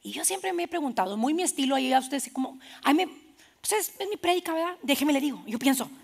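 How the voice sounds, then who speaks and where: Woman pastor, high gravelly voice, playful sermon delivery. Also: fast talker. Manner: animated, playful preacher acting out little scenes. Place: church.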